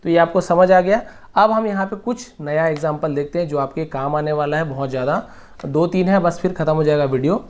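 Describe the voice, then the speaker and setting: Patient male English teacher. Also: fairly high pitch. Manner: patient, repeats examples slowly word by word. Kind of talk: explaining grammar lesson.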